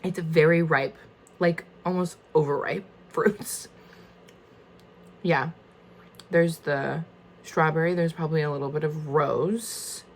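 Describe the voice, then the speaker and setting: Woman, low voice, casual tasting host, informal and thinking aloud, slight background noise. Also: fairly even intonation, takes it slowly, pauses often. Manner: informal, tentative, thinking aloud with frequent 'like'. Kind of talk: casual chatty wine tasting.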